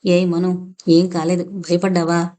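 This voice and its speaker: A woman voicing a gentle, affectionate young man in a spoken audio novel. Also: lowish voice, monotone, a little slow, close to an everyday voice. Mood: coaxing.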